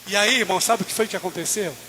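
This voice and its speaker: A man's voice: sits high, racing, a little hiss or hum. A man preaching in church, telling his own testimony with impassioned, rising delivery. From Brazil. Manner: impassioned, rising to near-shouted peaks. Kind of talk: sermon testimony.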